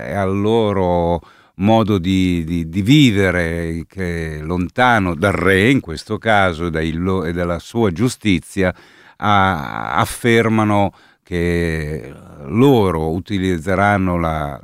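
Deep-voiced man presenting folk music; slow and reflective, pausing to find his words. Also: smooth, no echo, studio quality. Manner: thoughtful, searches for words while explaining. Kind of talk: unscripted explanatory talk.

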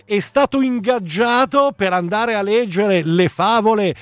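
Man, radio host, high-pitched, teasing, quick banter. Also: no room sound. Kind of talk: casual, joking radio banter.

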